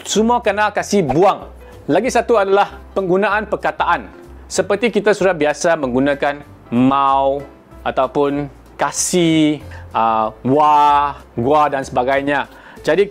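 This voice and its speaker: A man with a Malaysian accent giving a casual how-to vlog, playful and self-mocking, slipping English words in and demonstrating pronunciations. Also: a little high. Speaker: YouTuber teaching spoken Malay.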